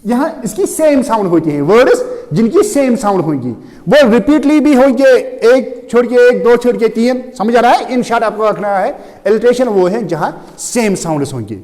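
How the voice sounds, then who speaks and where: A man teaching an English literature lecture, switching between Hindi and English, reading definitions slowly and often checking that students follow. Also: very high-pitched, expressive, darkish tone. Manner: mixes Hindi and English, keeps asking if students understand; reads definitions slowly and deliberately. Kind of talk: classroom lecture. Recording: long reverb of a hall.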